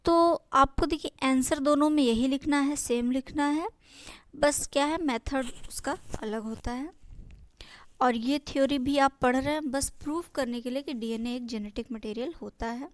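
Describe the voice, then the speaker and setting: This exam-prep lesson features a female biology teacher with an Indian accent whose voice sits high, recorded without room sound. Going through exam notes, she slowly reads out English lines, explains them in Hindi, and frequently asks herself questions before answering them.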